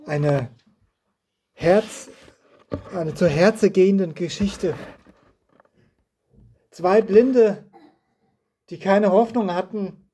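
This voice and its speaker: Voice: medium pitch, dark tone. A preacher giving a sermon indoors in a house, reading scripture and asking the listeners reflective questions.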